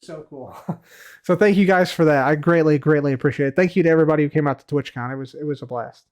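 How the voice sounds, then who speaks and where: Fast and a little high-pitched, this man chats casually on a live stream, reading viewer questions from chat aloud before answering them. He rambles, repeats himself, and leans on fillers, his slightly worn voice trailing off quietly as each phrase ends.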